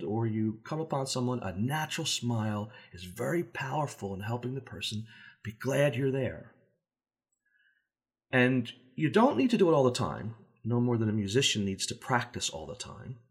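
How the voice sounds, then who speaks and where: Brief: male safety trainer, mid-range pitch, easygoing and folksy, acts out quick voices to make points. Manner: relaxed, folksy, uses everyday examples. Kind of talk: conversational instructional talk.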